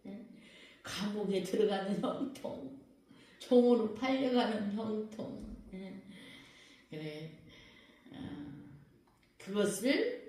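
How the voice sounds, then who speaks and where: A woman's voice: mid-range voice, mellow. A woman pastor preaching a sermon who keeps questioning her congregation and waiting for their reply. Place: prayer house worship hall. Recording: very echoey hall, voice far from the mic.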